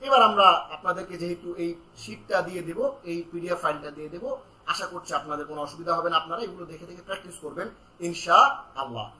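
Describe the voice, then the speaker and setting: A man teaching Quran pronunciation in an online lesson, calling out syllables loudly for students to repeat and explaining slowly in between. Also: sits high, reverberant, slight background noise, poor audio. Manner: slow, explaining calmly between drills.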